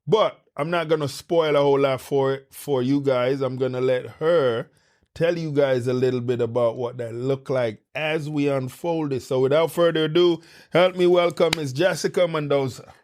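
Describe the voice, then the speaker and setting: A man hosting a casual podcast interview, enthusiastic with animated interjections. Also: medium pitch, normal speed. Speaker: podcast host.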